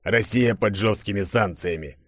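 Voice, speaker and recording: Guy doing a stern chief, low voice, slow and grave. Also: fairly bright tone, no echo, clean studio sound. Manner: grave, measured briefing. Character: stern middle-aged male chief, grave and measured.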